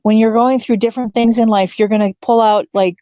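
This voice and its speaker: A woman's voice: on the high side, fairly even intonation, fairly quick, no echo. A woman in her forties, a tarot reader guest chatting casually, joking and laughing often. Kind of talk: casual live-stream chat. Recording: dull lo-fi stream audio.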